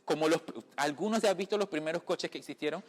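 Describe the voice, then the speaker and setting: Caribbean guy preaching casually at a home meeting, slightly high voice, big echoey reverb. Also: fast talker. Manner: conversational, often asks listeners if they follow; addresses listeners as brother. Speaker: lay preacher. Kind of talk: informal sermon. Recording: long reverb from a room.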